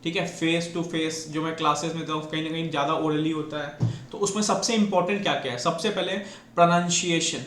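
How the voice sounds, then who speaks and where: A man's voice: a little high, fairly even intonation, a little fast, fairly bright tone. A man teaching an exam-prep lecture, mixing Hindi and English and asking and answering his own questions. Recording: echoey room with faint noise.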